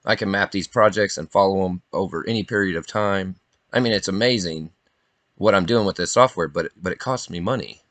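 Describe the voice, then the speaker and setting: Deep voiced guy rambling casually, earnest, dry close sound. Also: a little fast, a bit bright, no echo. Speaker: individual drone operator and video maker. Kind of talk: casual, informal talk.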